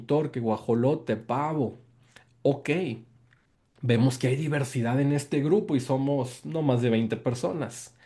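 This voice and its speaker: A guest lecturer with a Mexican accent presents his research to an online group in an academic talk over a video call microphone. His dark, mellow voice sits at an ordinary pitch as he explains step by step, repeating key words and checking for agreement along the way.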